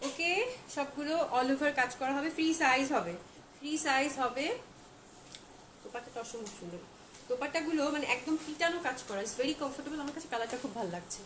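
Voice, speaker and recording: A woman's voice: high voice, expressive, brisk. A woman selling clothes on a live stream, chatting and gushing over each dress while slipping in English phrases. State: feeling hot. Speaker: online clothing seller. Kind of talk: live-stream product showcase. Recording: echoey room with loud background noise.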